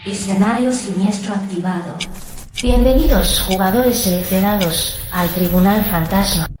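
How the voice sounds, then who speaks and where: A woman's voice: medium pitch, moderate pace, lightly acted. A woman playing an ominous game announcer spirit in an anime, theatrical like a horror host. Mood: ominous, grand. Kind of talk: anime recap voice acting. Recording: echoey, noisy with eerie ambience.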